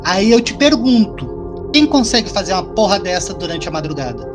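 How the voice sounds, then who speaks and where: A man spins a personal story in loose, profane, animated chat on a podcast. Music plays clearly behind him the whole time. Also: high-pitched, moderate pace. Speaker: podcast co-host telling a story.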